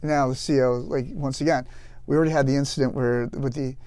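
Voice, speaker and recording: A man being interviewed as a guest author and veteran, telling anecdotes in a lively, casual way with frequent restarts. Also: mid-range voice, fairly quick, clear, resonant tone, no room sound. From United States.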